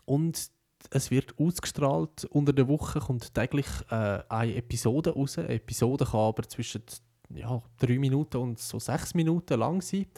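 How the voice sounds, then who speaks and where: A man's voice: medium pitch, moderate pace, warm tone. A young man with a Swiss German accent hosting a podcast in a casual, conversational, reflective monologue. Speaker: podcast host, broadcaster intern.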